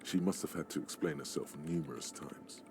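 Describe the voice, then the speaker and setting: Very deep, gravelly knowing inner voice. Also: male voice, a little fast, background noise. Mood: knowing, observant. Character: male inner voice of a detective, knowing, sardonic narrator. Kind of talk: scripted game narration.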